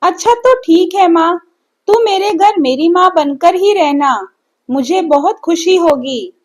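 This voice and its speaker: A woman's voice: very high voice, takes it slowly. A woman voicing a poor, kind-hearted village man who talks in an earnest, pleading way.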